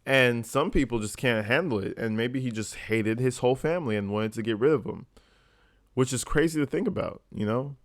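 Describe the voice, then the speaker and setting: A man's voice: mid-range voice, fairly quick, no room sound, studio quality. A man giving informal, incredulous commentary as a video host, swearing casually.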